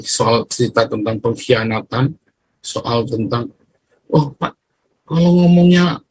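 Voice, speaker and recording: A man's voice: mid-range voice, a little hiss or hum, rough recording. A man giving an informal, chatty sermon, telling stories and often laughing between points. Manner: chatty storytelling, laughing often, acting out quoted voices. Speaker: preacher.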